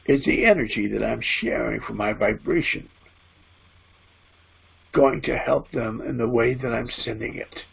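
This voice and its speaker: A solemn spirit guide speaks through a man acting as medium in a seance trance. The voice is heavily gravelled and rough, with deliberate, preachy phrasing that repeats for emphasis. The recording is slightly muffled and lo-fi. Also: medium pitch, exaggerated voice. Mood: earnest, teaching. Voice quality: gravelly, husky. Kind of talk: trance-channeled spiritual teaching. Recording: dull, muffled lo-fi audio.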